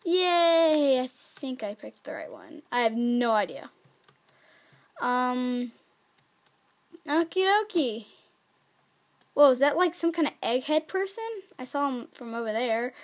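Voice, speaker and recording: High-voiced, excitable woman gamer. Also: measured pace. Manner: chatty and excitable, squealing and counting aloud. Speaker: gaming video creator. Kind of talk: casual gameplay commentary.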